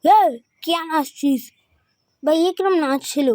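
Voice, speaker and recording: A woman doing excited gameplay commentary, dropping Hindi phrases in as she counts and clicks. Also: high voice, slow, no echo, studio quality. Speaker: gaming channel host.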